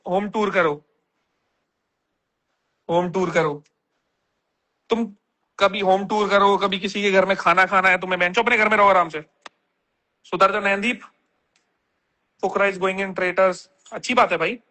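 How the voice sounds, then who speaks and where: A man's voice: sits high, fairly even intonation, a little slow, pauses often, pushed and bright. A man on a casual livestream, reading viewer comments aloud and answering them bluntly with plenty of slang.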